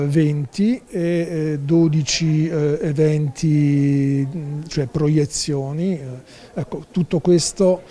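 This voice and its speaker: In an indoor office, a festival's artistic director in his sixties gives an interview through a face mask. His voice is fairly high and warm, and his speech is full of fillers and restarts.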